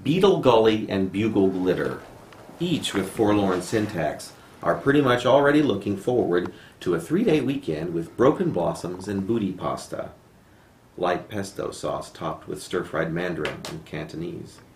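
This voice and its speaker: This poet has a deep, darkish voice and reads his poetry with animation at a normal speed, performing live in a room of a house. The amateur footage relies on the camera microphone alone, leaving a roomy echo and a little background noise.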